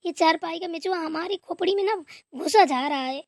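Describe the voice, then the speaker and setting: A woman's voice: very high-pitched, moderate pace, no room sound, clean studio sound. A woman playing a scared pleading daughter-in-law. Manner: whiny pleading.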